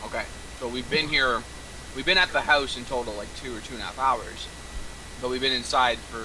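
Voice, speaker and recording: A man's voice: mid-range voice, fairly even intonation, fairly quick, recorded from a distance, background noise. A man playing a tabletop game, asking questions and thinking aloud with fillers. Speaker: player. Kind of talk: casual tabletop game talk.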